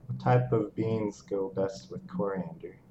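A man's voice: on the low side, measured pace, lo-fi sound, noisy background. A man speaking as a podcast guest, hesitant and trailing off. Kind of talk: casual chat.

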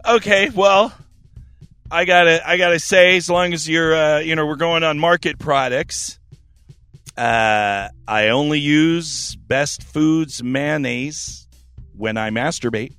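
A man's voice: on the high side, takes it slowly, fairly bright tone, clear, resonant tone, no echo, faint music behind. A man co-hosting a casual adult podcast, brash and profane, telling jokey stories. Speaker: podcast co-host. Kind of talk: crude casual chat.

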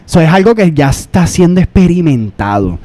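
A man's voice: on the high side, very animated, moderate pace, mellow, dry recording. A young man co-hosting a podcast in casual chat, laughing often and stumbling over repeated words. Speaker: podcast co-host.

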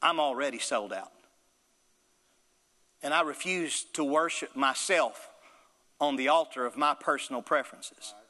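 A man's voice: medium pitch, measured pace, pauses often, bright, forceful tone, big-room sound. A male pastor delivering an emphatic sermon with call-and-response to the congregation.

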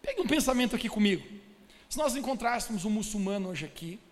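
A preacher with a high voice delivers an emphatic sermon, calling out to his listeners. His words echo with a long reverb through a church hall. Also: lively intonation, fast talker. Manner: emphatic, addresses the congregation directly.

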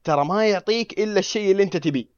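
Fast-talking man, dull dry sound. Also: high voice, darkish tone, clear, resonant tone, no echo. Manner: chatty, keeps checking the listener follows. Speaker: podcast co-host. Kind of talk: casual chat.

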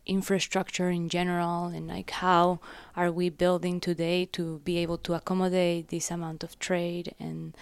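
A woman's voice: on the low side, level tone, moderate pace, few pauses, clean tone, no room sound. A woman, answering interview questions as a curator in a reflective, conversational way. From Ecuador. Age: 30s. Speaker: curator and gallery director.

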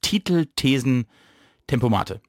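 A man's voice: mid-range voice, lively intonation, unhurried, no echo, studio quality. A man co-hosting a podcast in casual comedic chat, rambling and playful, often trailing off mid-sentence. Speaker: podcast co-host.

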